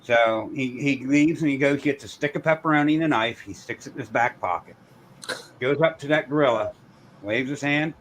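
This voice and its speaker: A man's voice: medium pitch, normal speed, a bit bright, slight background noise. A man telling a zoo joke in casual chat, rambling with lots of "you know" and restarts. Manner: rambling, filler-heavy storyteller.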